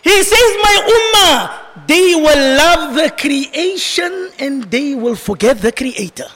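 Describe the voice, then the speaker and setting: A man's voice: extremely high pitch, animated, slow, sharp tone. A man preaching an impassioned Friday sermon, repeating the same refrain again and again and mixing in Arabic and Urdu phrases. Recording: long hall reverb.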